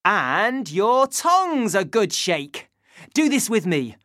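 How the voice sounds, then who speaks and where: Female music presenter for children, unhurried and animated, dry studio read. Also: medium pitch, dry recording. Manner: slow, lively, sing-song instructions to children. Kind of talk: school radio singing lesson.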